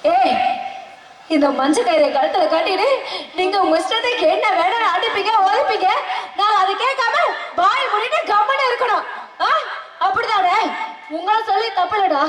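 A woman's voice: very high-pitched, moderate pace, noisy background. A woman acting a wronged young village wife in a stage drama, pleading and then defiant. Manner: emotional, rising to fierce defiance. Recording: echoey open-air stage with live music.

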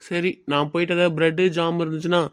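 A man's voice: on the high side, level tone, fast, clear, resonant tone, no echo, natural voice. A man playing young film hopefuls who chat as close friends in a web drama. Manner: friendly banter. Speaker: aspiring screenwriter and friend characters.

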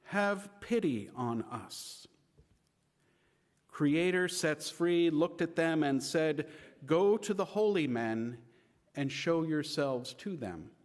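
Male pastor reading scripture real slow, kinda high voice, long church reverb. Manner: slow, measured reading with lifted emphasis. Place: church sanctuary.

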